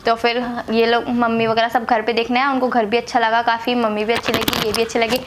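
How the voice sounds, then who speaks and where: A young woman from Agra, India, vlogs the story of her marriage to camera. Her high-ish voice is brisk and flat, and she chats, repeats herself, and uses lots of fillers. There's slight background noise.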